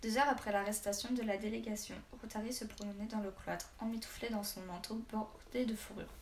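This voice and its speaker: A woman reading a novel aloud as an audiobook narrator, in a steady, even storytelling voice. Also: medium pitch, fairly quick. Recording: roomy echo, faint background hiss.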